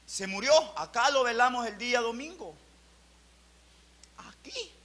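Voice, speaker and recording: A man pastor preaching a sermon fervently, his loudness swelling and dropping. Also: extremely high pitch, animated, a little slow.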